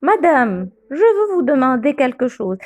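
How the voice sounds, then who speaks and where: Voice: sits high, sing-song, unhurried, darkish tone, no room sound. A woman teacher playing a curious pupil who politely asks the teacher questions.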